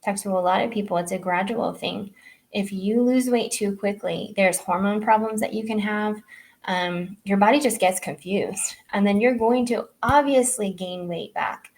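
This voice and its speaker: A woman's voice: medium pitch, moderate pace, a little mellow. A middle-aged woman health coach giving a casual live online training, talking loosely with many fillers and "right?" tags.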